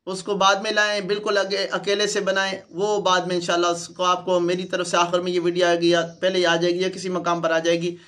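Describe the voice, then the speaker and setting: A Quran teacher with a Pakistani Urdu accent teaches letter pronunciation in an online lesson, speaking into a close mic in a high voice with a bright edge. His delivery is completely flat with hardly any pauses, and he repeats each sound patiently to demonstrate it.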